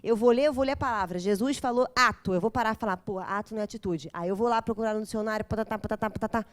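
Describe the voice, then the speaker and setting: A woman's voice: on the high side, racing. Intense woman lecturing a group. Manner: intense, dramatic, quizzes the audience. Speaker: speaker at a parents' course.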